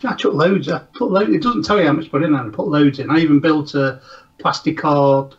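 A man's voice: a little high, fairly quick. A man joining a casual modelling live show over a call, talking hesitantly and self-deprecatingly, often trailing off mid-sentence. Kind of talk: casual live-stream chat. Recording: slightly dull call audio.

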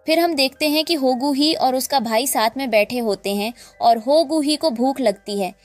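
A woman narrating a drama recap in a lively storytelling way, acting out the quoted lines. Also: sits high, normal speed, faint music behind.

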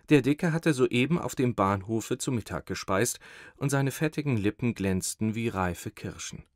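A man reads a classic story aloud in measured, even narration. His voice sits fairly low, recorded close and dry with no room around it. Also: no echo. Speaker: audiobook narrator. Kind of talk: scripted narration.

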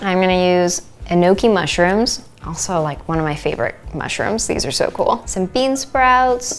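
A woman in her thirties hosting a cooking show, explaining a recipe in an upbeat way while she cooks in a home kitchen, recorded on a lapel mic. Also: on the low side. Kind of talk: recipe demonstration. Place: home kitchen set, indoors. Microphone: small lapel mic.

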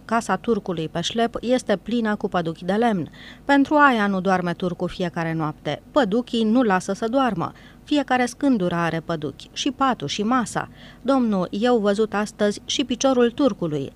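A woman's voice: mid-range voice, natural voice. A woman voicing an angry young foreign boatman who speaks in broken grammar. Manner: broken grammar, hot-tempered.

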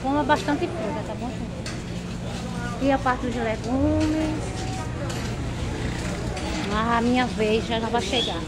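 High-voiced woman vlogging with a phone. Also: takes it slowly, long pauses. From Brazil. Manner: chatty, addresses viewers directly. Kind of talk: casual vlog commentary. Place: supermarket, then busy outdoor street market. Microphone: phone held at arm's length. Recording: busy crowd noise behind.

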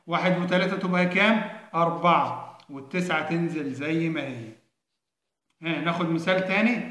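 Male math teacher, Egyptian accent, higher pitch, patient step-by-step drilling, recorded in an echoey room. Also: pushed and bright. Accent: Egyptian Arabic. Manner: asks questions and answers them himself, repeating steps. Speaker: primary school math teacher. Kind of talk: recorded classroom lesson.

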